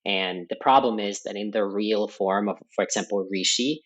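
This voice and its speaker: Fairly low-pitched and fairly bright in tone, this Finnish man speaks at a moderate pace. As a company founder and podcast guest, he gives long, thoughtful conversational interview explanations, with fillers and restarts.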